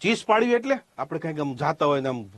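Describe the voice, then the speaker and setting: A man's voice: a little high, sing-song, fast talker. A man with a Gujarati accent, a native Gujarati speaker, teaching a spoken English class step by step, asking questions and repeating examples. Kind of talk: classroom lesson.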